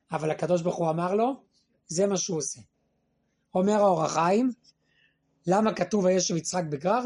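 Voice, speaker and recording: There's a breathy edge to this male Torah teacher's voice. During his class he asks and answers his own questions, shifting to a lower, quieter tone whenever he quotes verses or what figures said.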